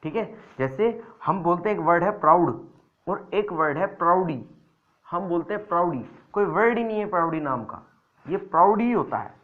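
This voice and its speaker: A man's voice: high voice, expressive, moderate pace, narrow, tinny audio. A man teaching a classroom lesson, patiently explaining and repeating examples. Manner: explains patiently, repeating examples, mixing English phrases into Hindi. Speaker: English teacher.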